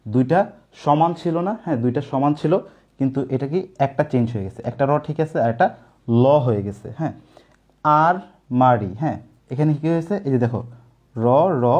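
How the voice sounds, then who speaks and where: A man's voice: mid-range voice, warm tone. A young man teaching an online coaching class, explaining step by step and asking his students questions, with casual asides.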